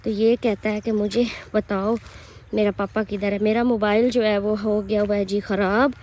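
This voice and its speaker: A young woman, slightly hoarse, chatting casually to viewers as she vlogs while walking through farm fields. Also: mid-range voice, flat delivery, moderate pace, a little mellow. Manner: chatty, rambling, addresses viewers directly. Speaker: village vlogger and mother. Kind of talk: casual walk-and-talk vlog.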